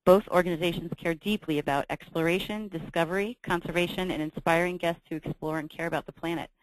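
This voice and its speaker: Reading from slides for a travel company, a female webinar host delivers an upbeat, brisk sales presentation peppered with filler ums. Her pitch is fairly low and steady, and the recording is low quality but free of echo.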